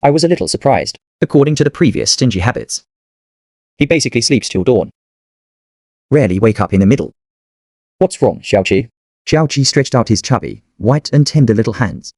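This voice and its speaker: A man narrating a first-person story in a lively, sing-song reading style. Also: medium pitch, a little fast, dry recording, clean studio sound.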